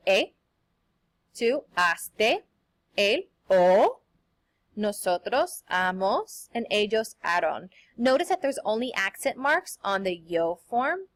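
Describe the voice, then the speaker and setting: Young woman teacher, cheerful sing-song delivery, models examples slowly for the class, mid-range voice. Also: medium pitch. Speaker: Spanish teacher. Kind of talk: recorded classroom lesson.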